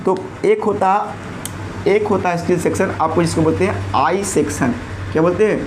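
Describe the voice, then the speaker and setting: A lecturing man with a fairly high voice. He asks the class each term and then answers it himself. His throat is a little sore, which makes the voice slightly thick and hoarse. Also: moderate pace, noisy background. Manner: repeats key terms as call-and-response questions. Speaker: teacher.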